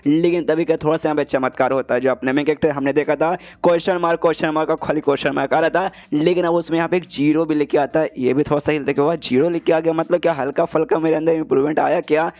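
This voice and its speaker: A man narrating a casual story recap in a rapid, chatty, filler-heavy way. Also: a little high, steady tone, darkish tone, dull audio.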